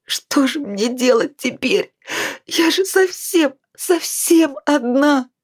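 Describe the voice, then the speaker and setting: A woman's voice: sits high, lively intonation, takes it slowly, voice pushed up. A woman reading a storybook voices a drunk, despairing 42-year-old woman who whines and pleads. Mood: tearful. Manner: whiny, pleading, self-pitying.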